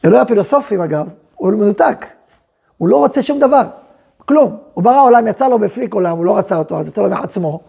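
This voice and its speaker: Male rabbi teacher, high, gravelly voice, lively Torah lesson with acted-out quotes. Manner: animated, acts out quoted speech and asks rhetorical questions. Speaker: yeshiva head rabbi teaching.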